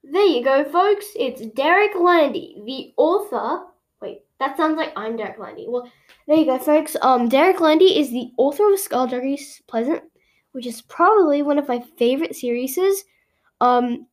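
A woman's voice: sits high, expressive, normal speed. A woman hosting a casual home podcast, rambling and correcting herself as she goes. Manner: rambling, chatty, with frequent self-corrections. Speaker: podcast host. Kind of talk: casual solo podcast chat. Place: home room.

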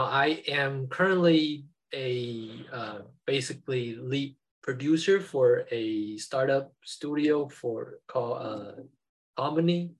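A young man from China introduces himself as a guest on a video call. He talks haltingly, filling his pauses with frequent "uh" sounds. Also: medium pitch. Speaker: panel guest.

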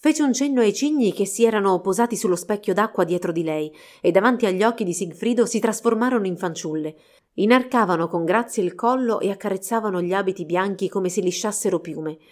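A woman's voice: mid-range voice, fairly quick. Woman narrating a fairy tale. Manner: steady, expressive reading. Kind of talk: storybook narration.

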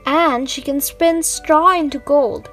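A woman's voice: sits high, fairly even intonation, slow, a bit bright, far from the mic, soft background music. A woman voicing a poor, boastful village miller from a children's storybook, eager to show off.

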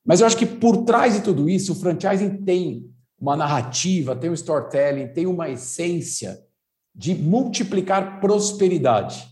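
A man's voice: fairly high pitch, animated, normal speed, darkish tone. A man of fifty from Brazil, a consultant guest on a podcast, explaining in a reflective, teacherly way with many fillers and restarts. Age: 50s. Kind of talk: podcast interview. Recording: roomy echo.

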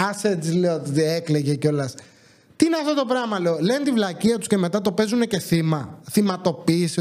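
High-voiced, exasperated male storyteller. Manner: animated, exasperated, quotes others in dialogue. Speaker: podcast host. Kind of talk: comedic storytelling.

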